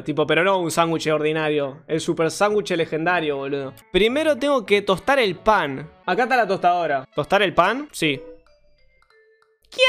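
Young Argentine streamer, high-pitched, loose slangy let's-play banter, light music underneath. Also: male voice, a bit bright. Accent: Argentine Spanish. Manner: slangy, swears and says boludo often. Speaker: gaming streamer. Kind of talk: casual let's-play commentary.

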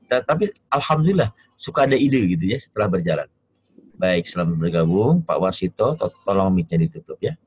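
A man teaching Quran reading in an online lesson over a video call, gentle and joking as he encourages his students. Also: deep voice, very animated, fairly quick, breathy edge, low-quality recording.

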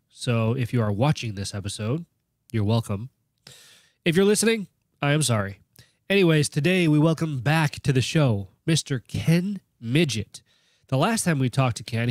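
A man's voice: medium pitch, darkish tone, no echo, studio quality. A man hosting a podcast while sick, his voice nasal, with a joking, self-deprecating manner. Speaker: podcast host. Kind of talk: podcast intro.

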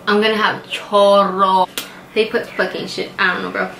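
A woman's voice: mid-range voice, level tone, normal speed, creaky, a bit bright. A young woman chatting in casual slang and suffering, her mouth burning from spicy food. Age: young adult. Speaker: vlogger doing a food challenge. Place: small indoor room at a table. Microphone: camera a short distance away. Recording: roomy echo, faint background noise.

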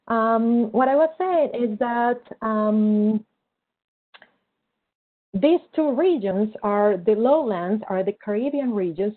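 A Colombian woman with a slightly high voice speaks as a guest historian at an academic seminar talk and Q&A. She comes across as earnest and explanatory, using many fillers like "kinda like" and "right?", over a tinny video call.

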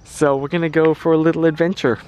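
A man's voice: fairly high pitch, level tone, fast talker, darkish tone, dull audio. A man talking casually to the camera in an upbeat, chatty way while walking a coastal trail, laughing often. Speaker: vlogger. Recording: clear outdoor background noise.

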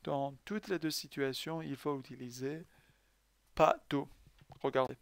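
A man's voice: mid-range voice, unhurried, dry recording. A man teaching a French lesson to learners who speak Persian. He is patient, asks the class questions and then answers them himself. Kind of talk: language lesson.

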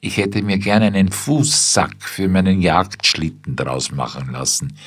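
A man's voice: low-pitched, a little slow, breathy edge, dry recording, pitched above the performer's own voice. A man doing a stiff old general. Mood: wistful. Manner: curt, stiff, formal. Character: stiff, formal old general, wistful husband.

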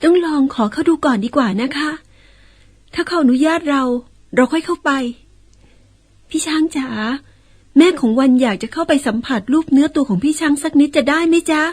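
A woman acting in an old-style radio drama as a gentle, polite young daughter who coaxes and explains patiently. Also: high voice, moderate pace, close to an everyday voice. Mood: polite, thoughtful. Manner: coaxing, polite, carefully explaining.

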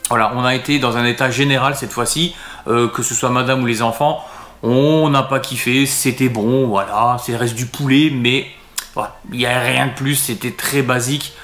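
A man's voice: medium pitch, steady tone, moderate pace, fairly bright tone, echoey room. A man talking casually to camera as a restaurant vlogger, hesitant and full of fillers and restarts.

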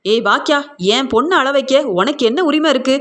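An angry middle-aged father lays blame on his ex-wife in a hectoring, accusing way, read out by a woman narrator. The voice stays high and plain. It belongs to a spoken retelling of a TV serial. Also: a little fast, fairly bright tone.

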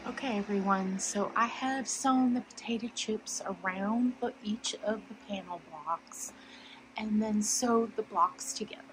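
Against a noisy background, a woman with a mid-range voice speaks a little slowly while hosting a quilting tutorial. She chats and muses aloud as she measures and cuts fabric at a cutting table in her sewing room.

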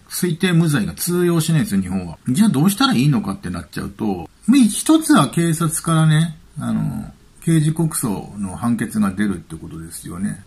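A man's voice: medium pitch, gravelly, a little mellow, husky. A man giving casual spoken commentary as a YouTube commentator, chatty and offhand, thinking aloud.

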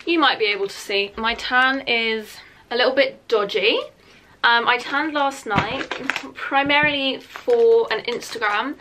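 In a small room at home, a twenty-year-old British vlogger chats informally to camera while getting ready, saying "like" constantly. Her slightly high voice is bright and forceful, and the camera, about a metre away, picks up a little hiss or hum.

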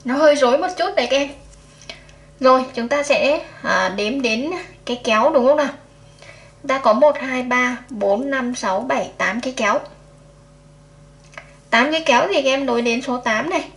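Female teacher, slightly high voice, patient counting for first graders. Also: a bit bright. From Vietnam. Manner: slow, patient counting aloud to children. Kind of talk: first-grade math lesson.

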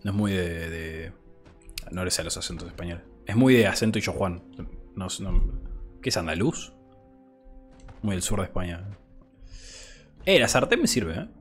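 A man's voice: low-pitched, steady tone, moderate pace, long pauses, soft background music. A man with an Argentine accent casually streaming a game, muttering to himself and answering chat in a laid-back way.

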